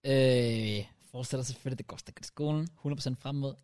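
A young man on a podcast, telling a story in lively casual chat and dropping English slang into his speech. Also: medium pitch. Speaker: podcast co-host.

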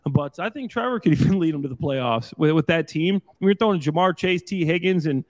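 Upbeat joking former football player. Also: male voice, a little high, expressive, a little fast. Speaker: former pro football player turned analyst. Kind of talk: casual sports talk.

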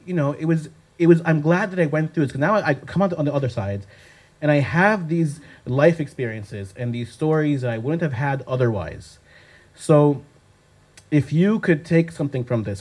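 A young man telling a funny personal story, animated and laughing often, jumping into high voices for the people he quotes. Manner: animated, acts out voices of others with big pitch jumps; frequent laughter while talking.

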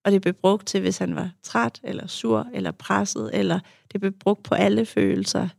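A woman's voice: medium pitch, steady tone, vocal fry, darkish tone, no room sound, clean studio sound. A young woman, a podcast guest and youth therapist, telling her story candidly and reflectively, with many fillers. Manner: frank, reflective, with frequent fillers. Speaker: guest, adult child of an alcoholic.

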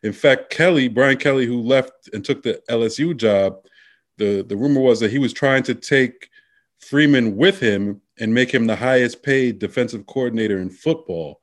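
A man's voice: medium pitch, moderate pace. Rambling man talking college football. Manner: rambling, many fillers and restarts. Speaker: sports talk co-host. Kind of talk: casual sports chat.

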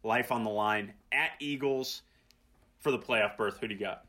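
A man co-hosts a casual sports chat podcast with a bright, forward tone. His voice has gone scratchy and tired, and he banters in a laid-back, easygoing way. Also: fairly low pitch, normal speed. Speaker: podcast co-host.

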